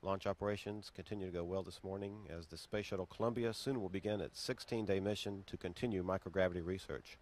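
A man giving formal, measured launch countdown commentary in a mission control radio manner. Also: steady tone. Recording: loud rumbling background noise.

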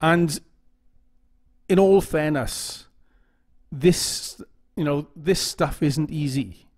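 A man's voice: on the high side, drawn-out words, a little mellow. A man giving casual instructional talk to camera, often repeating phrases and checking in with "okay?". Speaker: YouTube OCD educator.

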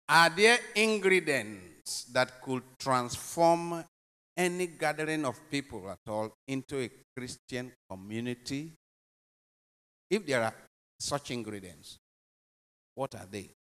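A male priest reading the Gospel and posing homily questions in a slow, deliberate, solemn way, phrases swelling and fading, with a long cathedral-like echo around him. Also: medium pitch, expressive, bright, forceful tone, clear, resonant tone.

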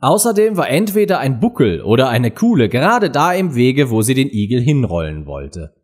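Male storybook reader, expressive narration, lively varied pitch, mid voice. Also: moderate pace, slightly rough. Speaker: audiobook reader.

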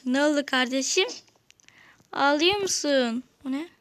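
A woman hosting a gaming channel, giving excited let's-play commentary, talking straight to viewers and shouting at rival players. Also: high-pitched, unhurried. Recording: noisy home recording.

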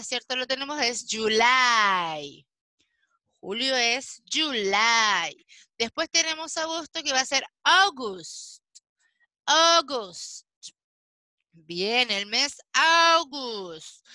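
A woman teaching an English class over a video call. She talks patiently, checks in with the children often, and slows right down to model each English word. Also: high voice, sharp tone, no room sound. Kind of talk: online class instruction.

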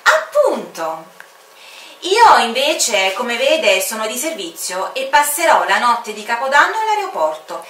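Stubborn airport commander guy, bossy and indignant, as a woman acts him, lively up-and-down voice. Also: fairly high pitch, measured pace, reverberant, far from the mic, voice pushed up, heavily acted. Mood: mocking.

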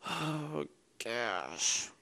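A man's voice: on the high side, sing-song, very slow, creaky, sharp tone. A man casually commenting on his gameplay, mild clean exclamations, chatty and self-deprecating, hiccuping now and then. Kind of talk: casual let's-play commentary.

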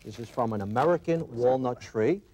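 Middle-aged brooklyn accent guy, warm relaxed tone, chatting in a tv interview. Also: mid-range voice, a little fast, slight background noise. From Brooklyn, New York. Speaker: gun company owner, interview guest. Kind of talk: conversational interview talk. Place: TV studio set, indoors. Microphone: lapel mic.

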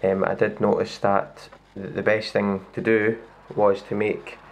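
A Scottish tech reviewer speaks a little slowly in a low, flat, gravelly voice as he demos a laptop at a wooden table indoors. His manner is relaxed, with frequent fillers and restarts, and the handheld camera filming the screen adds a little hiss or hum.

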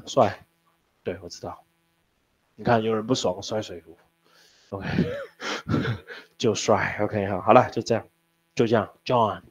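A man's voice: fairly low pitch, fairly even intonation, moderate pace, pauses often, husky. A man teaching an English class, teasing his students and spelling words out letter by letter. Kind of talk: classroom lesson. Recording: dull lo-fi classroom recording.

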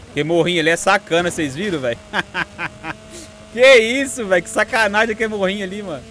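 A young Brazilian man with a Brazilian Portuguese accent, chatting excitedly and slangily while playing a racing game. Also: high voice, a little fast, soft background music. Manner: excitable, chatty, slangy, calls himself to calm down. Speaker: gaming YouTuber. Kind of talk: excited gameplay commentary. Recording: game audio noise behind.

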